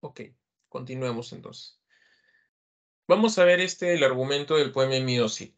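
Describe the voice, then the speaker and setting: A man's voice: mid-range voice, normal speed, dull audio. A man teaching a literature class online, explaining verse and rhyme in a patient lecturing style, with many fillers and tag questions. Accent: Peruvian Spanish.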